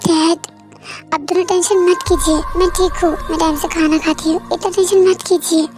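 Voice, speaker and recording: A woman's voice: very high voice, level tone, normal speed, music in the background. A woman voicing a caring, dutiful young adult daughter who soothes and pleads with her worried parents in an amateur fan audio drama. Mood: reassuring.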